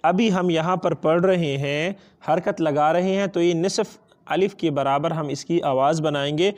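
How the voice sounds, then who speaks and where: Slightly high with a darkish tone, this man's voice carries a Pakistani accent as he walks through Quran reading one step at a time. Alternating between two languages, he patiently answers his own questions and lengthens the letter sounds.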